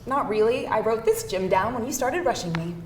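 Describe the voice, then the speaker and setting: Reading in front of a live audience indoors, a woman with a natural, higher-pitched voice plays a candid, feisty date, animated and fairly quick yet tentative and conversational. The recording has an echoey room, a distant mic, and faint noise.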